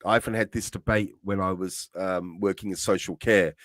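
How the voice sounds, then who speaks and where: A middle-aged man with a fairly low voice talks earnestly on a live stream. He stops and restarts his sentences as he works through a point. The sound is close and dry. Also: fairly even intonation, a bit bright, no room sound. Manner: earnest, halting, many restarts. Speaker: co-host. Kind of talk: casual live-stream chat.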